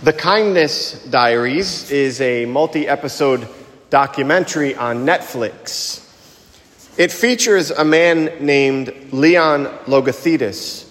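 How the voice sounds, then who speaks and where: A man's voice: on the high side, slow, fairly bright tone. Man preaching in cathedral-like echo. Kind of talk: liturgical reading and homily. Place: large reverberant church, cathedral-like echo. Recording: echoey church hall with long reverb.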